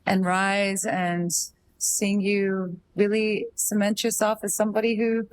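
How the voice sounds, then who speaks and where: An Australian singer-songwriter and entrepreneur chats as a guest in a casual interview, thoughtful and rambling, with lots of fillers. Her voice is medium-pitched with little pitch movement, at a measured pace. A little hiss or hum is audible.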